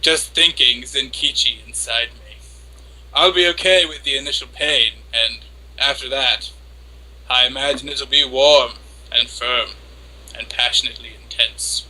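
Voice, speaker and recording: Casting: male reader for lovestruck young anime woman, obsessive and flustered; hammy, theatrical dramatic reading, piercingly bright delivery. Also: medium pitch, unhurried, poor audio. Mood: breathless longing. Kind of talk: dramatic reading of an internet post.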